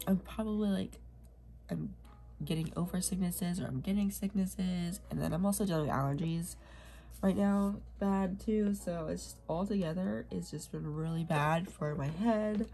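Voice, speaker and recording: With a lowish, creaky voice, a young woman rambles softly through a casual plan-with-me chat as a planner vlogger. She's sniffly from a cold and drifts into whispers now and then while she fills in her planner.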